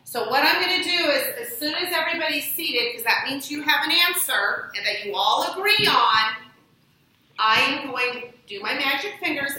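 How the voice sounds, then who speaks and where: A high-pitched, bright, forceful female voice belongs to an elementary school teacher patiently instructing her class and questioning her pupils. A far-off room mic captures her in an echoey classroom, with slight background noise.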